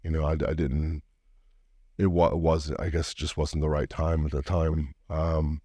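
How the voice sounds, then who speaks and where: Low-voiced Louisiana man, podcast guest, earnest heartfelt storytelling, dead-dry close recording. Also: little pitch movement, unhurried, mellow, breathy edge, dry recording. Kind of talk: personal storytelling interview.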